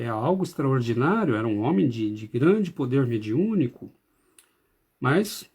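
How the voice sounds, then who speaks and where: A man giving a reflective spiritist lecture, pausing often and hesitating as he speaks. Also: medium pitch, gravelly, warm tone, breathy edge. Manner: slow, reflective, with frequent hesitations. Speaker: spiritist study group speaker.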